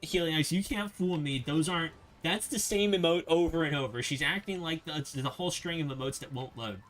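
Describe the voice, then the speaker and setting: A man live-streaming a video game, chatting excitably with his viewers as he plays. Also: on the high side, fairly quick, faint music behind. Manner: excitable, chatty, talks to viewers while playing. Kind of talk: live-stream gameplay commentary.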